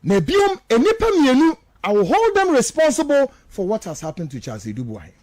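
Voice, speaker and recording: A Ghanaian man, a native Twi speaker, delivers emphatic, accusatory political commentary on talk radio, mixing the local language with English. His very high, slightly mellow voice swoops wildly in pitch, and he speaks a little fast in a declamatory style.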